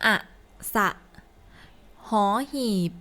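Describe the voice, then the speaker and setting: A woman slowly reading a children's story and then drilling letters and vowels aloud, word by word, as a teacher. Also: bright, forceful tone. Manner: slow, deliberate, word-by-word reading. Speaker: teacher reading a first-grade Thai textbook.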